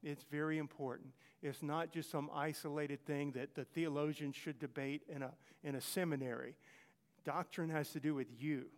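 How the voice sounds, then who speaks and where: A man's voice: a little high, steady tone, moderate pace, big-room sound. A man, preaching a conversational sermon as pastor, repeating phrases for emphasis. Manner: earnest, repetitive, conversational preaching. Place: church sanctuary.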